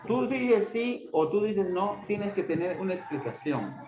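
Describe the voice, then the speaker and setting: Music plays behind an animated teacher with a mid-range voice who speaks a little slowly during a classroom grammar lesson. She calls on students by name, repeats her questions, and scolds them for not going over the book, all captured in an echoey room with muffled lo-fi audio and heavy background noise.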